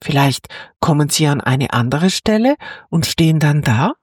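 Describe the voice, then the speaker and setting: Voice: medium pitch, animated, normal speed, no echo, clean studio sound, close to an everyday voice. A narrator voicing a small young fir tree in a storybook reading, eager and questioning. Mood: curious.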